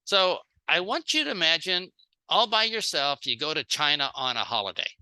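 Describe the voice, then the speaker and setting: A bright, forceful, clean mid-range voice moves in a sing-song way at normal speed. The speaker runs a sales training seminar in short plain phrases, acting out little example dialogues and pausing for an interpreter.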